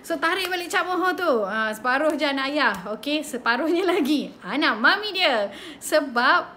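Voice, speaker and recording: Chatty Malaysian mum, higher voice. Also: female voice, normal speed, slight background noise. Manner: chatty, code-switching, animated storytelling. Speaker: host of a parenting slot. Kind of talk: casual live chat, storytelling.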